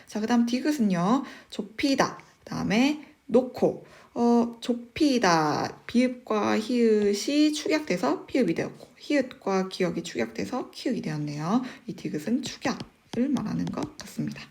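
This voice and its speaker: A woman teacher explaining exam questions in an online lesson, patient and methodical, often pausing on "eo" and asking the class rhetorical questions. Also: a little high, expressive, creaky, darkish tone. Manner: patient, step-by-step explaining with frequent "eo" fillers.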